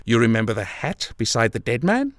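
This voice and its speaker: A man's voice: medium pitch, sing-song, fairly quick, no echo, studio quality, close to an everyday voice. A man voicing a boastful, self-satisfied police detective in an audiobook, with a gleeful, bragging manner. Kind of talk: audiobook character voice.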